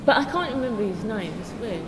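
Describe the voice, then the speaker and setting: A woman in her forties, chatting in a group reminiscence session, pausing often with ums. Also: medium pitch, animated. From South Africa. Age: 40s. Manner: hesitant, many ums and pauses. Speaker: day centre participant. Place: day centre room. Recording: echoey hall with loud background noise.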